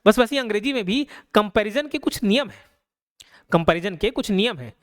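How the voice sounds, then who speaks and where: A male teacher giving a casual, conversational grammar lesson. He keeps asking rhetorical questions and slows down to spell out each example. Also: sits high, lively intonation, no echo, studio quality. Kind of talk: casual classroom explanation.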